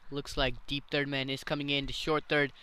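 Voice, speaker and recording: A man giving live ball-by-ball cricket commentary as a commentator who gets excitable at big moments. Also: mid-range voice, normal speed, smooth.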